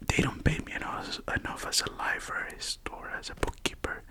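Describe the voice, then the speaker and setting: Whispered role-play, hushed library whisper. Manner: halting, soft-spoken explaining with self-corrections. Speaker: ASMR performer playing a librarian.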